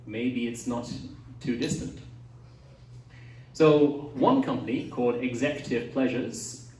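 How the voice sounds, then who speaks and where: A Taiwanese pastor in his forties lectures students in a university hall, chatting like a storyteller but hesitant and full of fillers. His mid-range voice has a darkish tone and comes from off mic, with a roomy sound and slight background noise.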